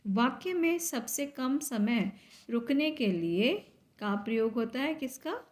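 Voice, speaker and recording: A woman teacher, going through a grammar lesson slowly and step by step, asking and answering her own questions. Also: high-pitched, animated, a little mellow. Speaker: school teacher.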